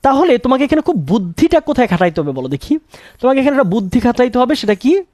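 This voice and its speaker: A man's voice: extremely high pitch, sing-song, quick pace, a little mellow, no room sound, clean studio sound. A young man teaching English grammar, asking questions and answering them himself and repeating key words. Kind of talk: classroom-style grammar lesson.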